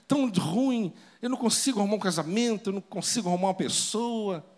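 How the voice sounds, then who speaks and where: A man's voice: sits high, fast, natural voice. A pastor mimicking a whiny young woman. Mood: complaining. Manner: whiny, self-pitying. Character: young woman complaining about her love life.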